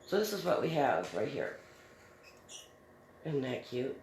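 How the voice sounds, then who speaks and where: A woman's voice: extremely low pitch, sing-song, a little slow, darkish tone. A middle-aged woman hosting a crafts video, telling a story in a chatty, easygoing way and laughing often. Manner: chatty, laughs easily, many fillers. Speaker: DIY crafts host. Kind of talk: casual storytelling while crafting. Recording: roomy echo with faint noise.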